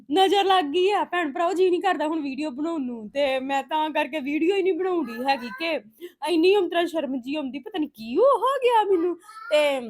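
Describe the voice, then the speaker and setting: High-voiced Punjabi woman vlogging. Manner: plaintive, rambling, homely, addressing viewers as brothers and sisters. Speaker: family vlogger and mother. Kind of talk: casual chatty home vlog.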